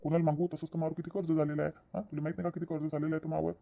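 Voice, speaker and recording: A voice actor plays an insistent young cartoon man who keeps pressing for cash. He talks in a very fast rush, in a dark, mellow tone. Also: mid-range voice, level tone, gravelly, natural voice. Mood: pushy. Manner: insistent, pleading. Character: pushy young man begging for money. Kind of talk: cartoon voice acting.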